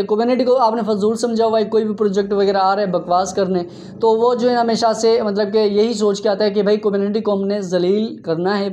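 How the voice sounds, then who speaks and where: A man's voice: high-pitched, a little mellow. Exasperated man ranting about apps. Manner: exasperated, scolding, tags lines with 'theek hai'. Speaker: crypto app channel host. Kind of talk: screen-share commentary rant.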